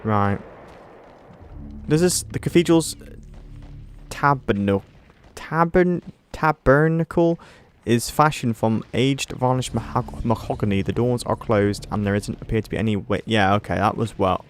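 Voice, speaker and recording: A man commentating casually on a horror game he plays, reading on-screen text aloud haltingly with frequent restarts and startled exclamations. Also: mid-range voice, a little hiss or hum. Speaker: let's play gamer.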